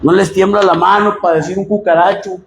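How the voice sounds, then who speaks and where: A Mexican pastor preaching a sermon, swinging from loud emphatic lines to low asides. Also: male voice, steady tone, fairly quick, echoey room, rough recording.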